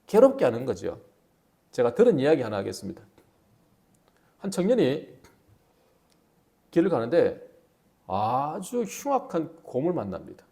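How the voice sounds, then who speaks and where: A man's voice: medium pitch, normal speed, vocal fry, long pauses. A male pastor delivering an expository sermon, storytelling animatedly and asking the congregation rhetorical questions. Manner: animated storytelling, acting out dialogue in quoted voices.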